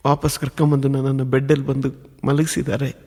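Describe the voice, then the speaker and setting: A man's voice: mid-range voice, flat delivery, a little fast, darkish tone. A man preaching, telling his personal testimony in an earnest, emotionally building storytelling manner. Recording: long hall reverb.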